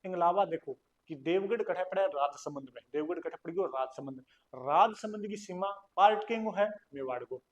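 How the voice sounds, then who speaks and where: A man's voice: sits high, normal speed, lo-fi sound. A man with a Rajasthani accent teaching an online class, repeating key points and quizzing his students with questions he answers himself. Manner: folksy dialect asides and jokes. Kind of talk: online exam-prep lecture.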